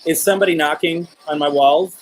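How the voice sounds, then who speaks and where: A man hosting a live spirit-communication session, speaking in gentle, coaxing questions with pauses between them. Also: fairly high pitch, low-quality recording. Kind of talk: live-streamed seance, addressing spirits and viewers.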